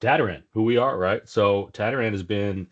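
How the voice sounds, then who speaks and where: In a casual business interview, a middle-aged South African sales executive talks conversationally as the guest, frequently using fillers and restarting his sentences. He has a fairly low pitch and moderate pace, plus a South African accent touched by a slight Texas twang. The sound quality is dull and lo-fi.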